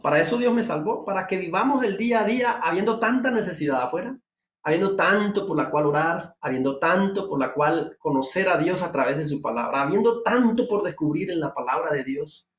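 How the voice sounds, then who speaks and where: A man preaching a devotional sermon, asking emphatic rhetorical questions and rising to high exclamations. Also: expressive, a little fast, a bit bright. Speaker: pastor. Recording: echoey room.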